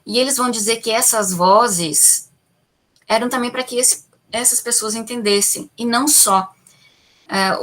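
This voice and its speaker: Patiently explaining a Bible lesson to a class, this Brazilian woman poses questions and answers them herself, tagging her sentences with checks like "tá?" and "né?". She has a Brazilian Portuguese accent and a medium-pitched, fairly bright voice.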